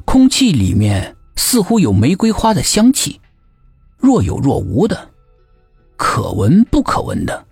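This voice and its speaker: Husky, lively male storyteller. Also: on the high side, measured pace, dry recording, soft background music. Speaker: audiobook narrator. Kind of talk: scripted suspense narration.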